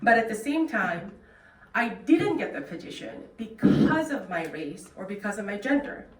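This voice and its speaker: Speaking at a moderate pace, this Korean-accented middle-aged woman from South Korea has a medium-pitched voice with big swings in pitch. She's a guest speaker delivering an earnest, plain-spoken talk to a club in a meeting room, recorded from a distant mic with echo and faint noise.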